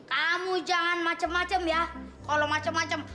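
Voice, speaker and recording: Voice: very high voice, level tone, moderate pace. A child actor playing a bossy kid who fakes being possessed by an old spirit, giving commanding, threatening pronouncements like a seance medium in a TV comedy. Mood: mock menacing. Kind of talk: Indonesian TV soap comedy acting. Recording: music behind the voice.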